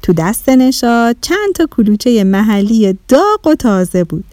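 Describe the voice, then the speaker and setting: A woman narrating a children's story in an expressive storytelling manner. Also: fairly high pitch, dry recording, studio quality.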